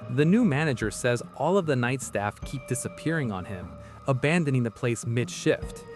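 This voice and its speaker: A man narrating a horror story with a lively, expressive reading. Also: medium pitch, moderate pace, music in the background.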